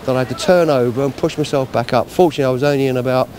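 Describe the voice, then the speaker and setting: Man explaining over clear outdoor noise. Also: mid-range voice, rapid-fire. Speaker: Lions club event organiser. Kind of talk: informal interview. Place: outdoors at a seafront. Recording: outdoor street and traffic noise.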